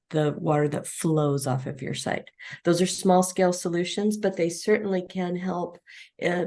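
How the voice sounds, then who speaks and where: A hoarse woman panelist who has lost much of her voice gives practical advice in a raspy tone. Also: fairly low pitch, darkish tone. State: losing her voice.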